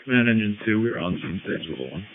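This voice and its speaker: Man, deep, quick, clipped firefighter radio style, tinny two-way sound. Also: lively intonation, no echo. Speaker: fire engine crew officer. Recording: thin phone-like two-way radio.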